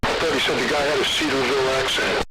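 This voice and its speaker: A man's voice: medium pitch, steady tone, fast talker. A man in casual radio chat with folksy, drawling banter, over a two-way radio. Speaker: radio operator. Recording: loud static on two-way radio.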